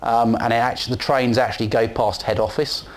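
Brisk and mid-range, with fairly even intonation, this man's voice carries a West Country English accent. He's presenting to a conference hall in a rambling, conversational way, peppered with ums and digressions.

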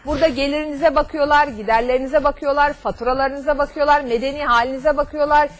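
Female call-in host, middle-aged, high voice, studio sound, explains step by step with customer service courtesy. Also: fairly even intonation, quick pace. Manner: explanatory, with everyday examples and lists. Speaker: TV host giving financial advice to callers. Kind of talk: live call-in advice show, explaining conversationally. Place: TV studio at a desk. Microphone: lapel mic.

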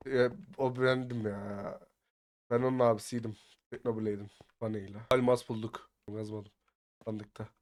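A gaming YouTuber with a medium-pitched voice chats casually with teammates over voice chat while playing a survival game. He's slangy and excitable, often muttering quiet asides and bursting into shouts whenever he gets attacked.

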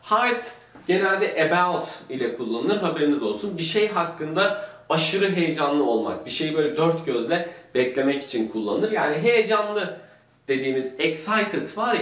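A man's voice: big pitch swings, moderate pace, fairly bright tone, distant mic. Brief: a joking, slangy male English teacher from Turkey, set back from the mic in an echoey room. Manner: playful, slangy, theatrical, big pitch swings. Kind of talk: casual joking language lesson.

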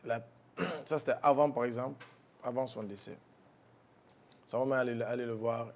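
Soft-spoken man telling a hard story. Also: fairly even intonation, slight background noise. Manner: soft-spoken, halting with restarts, low when recalling grief. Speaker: guest. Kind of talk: personal storytelling in interview.

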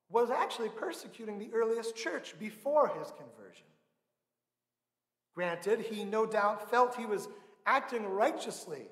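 Speaking into a pulpit microphone, a male pastor in his thirties gives an earnest, measured sermon, his slow, emphatic stresses landing on key words. His voice sits noticeably high for a man and is a bit bright, and the large indoor sanctuary wraps it in long, echoey reverb.

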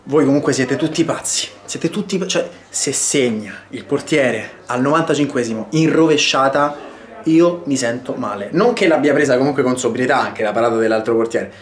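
A young man, a football commentator, chatting casually and excitedly. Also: medium pitch, normal speed. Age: young adult.

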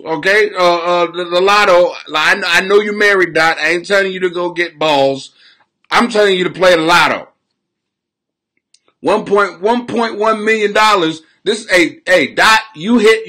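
This forties-something man, live on a webcam at his home desk in a small room, delivers a loud, rambling comedy rant with a high voice. He is crude and laughs often, veering from shouts down to mumbles.

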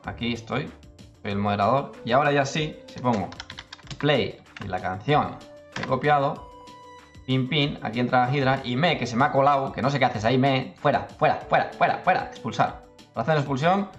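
Chatty man with faint music. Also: medium pitch. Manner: chatty, self-interrupting, many "¿vale?". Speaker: tutorial youtuber. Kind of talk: casual screen-recorded tutorial.

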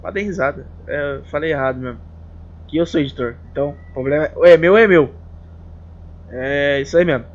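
A young man from Paraná, Brazil, chatting casually over a game, excitable and joking, with a lot of swearing. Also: on the high side, brisk. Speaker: gaming YouTuber. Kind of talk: casual gameplay chat. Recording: dull lo-fi recording.

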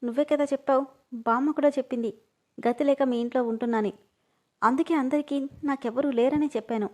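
A woman's voice: high-pitched, fairly even intonation, brisk, dark tone. A woman reading the part of an emotional young woman who pleads and cries, in a storybook. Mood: tearful.

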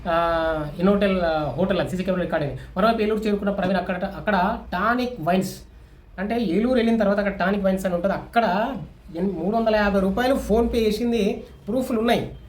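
A man's voice: sits high, fairly even intonation, fast talker. A man giving casual, opinionated spoken news commentary, with many restarts and fillers. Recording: echoey room with faint ambient noise.

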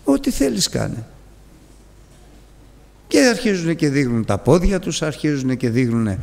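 Gravelly, animated man preaching in a hall. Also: medium pitch. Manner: animated, pleading rhetorical questions. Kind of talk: sermon.

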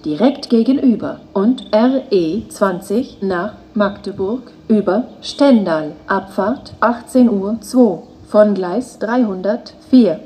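A woman making flat platform announcements as a station announcer, in a measured, segmented delivery. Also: medium pitch, slightly rough.

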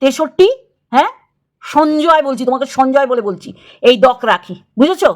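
A woman's voice: sits high, expressive, moderate pace. A middle-aged woman, scolding another creator in an angry video rant, repeating her points. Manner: scolding, confrontational, repeats phrases. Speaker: YouTube creator.

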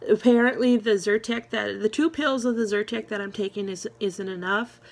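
Speaking at normal speed with a medium-pitched voice, this woman vlogger talks casually to her viewers on camera. She's warm and encouraging, though her talk rambles with many fillers and false starts.

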